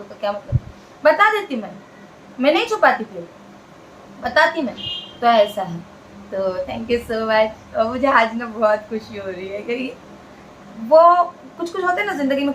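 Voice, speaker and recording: A vlogger woman talks straight to her viewers in a fairly high voice. She is earnest and chatty and repeats her phrases to drive them home. A faint hiss sits under the talk. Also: poor audio. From India. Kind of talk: casual talk to camera.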